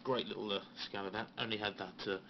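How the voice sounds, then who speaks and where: Keeping a steady tone, a British man with a low, creaky voice gives an informal, halting, understated show-and-tell of his CB radio equipment. He's in a small radio room at home, filming on a handheld phone, and the recording is dull with faint noise.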